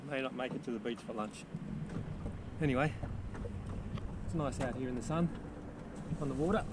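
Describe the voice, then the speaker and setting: A man's voice: mid-range voice, normal speed. A middle-aged man chatting casually and rambling with fillers while sailing a small dinghy, recorded on an action camera. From Australia. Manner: relaxed, rambling, many fillers. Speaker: sailing vlogger. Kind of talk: casual vlog commentary. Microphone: action camera on the boat. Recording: loud wind noise on camera mic.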